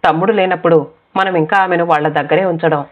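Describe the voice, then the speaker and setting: A woman's voice: fairly low pitch, fairly even intonation, fast talker, close to an everyday voice. A woman voicing a worried middle-aged husband who speaks in a choked, earnest way, in a spoken storybook. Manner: choked, pleading. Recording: tinny phone-like sound.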